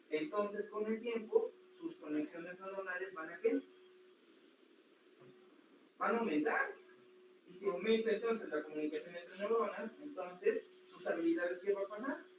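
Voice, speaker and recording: A man teaching anatomy to a class, lively and full of rhetorical questions to his students. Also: high-pitched. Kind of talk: classroom lecture. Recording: echoey room, distant mic, noisy.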